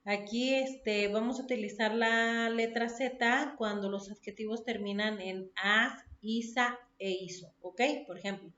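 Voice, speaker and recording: A woman's voice: fairly high pitch, steady tone, a little slow, hardly any pauses, fairly bright tone. A woman teacher giving a recorded lesson, listing words one by one and checking in with her listeners after each point. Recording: dull echoey room recording.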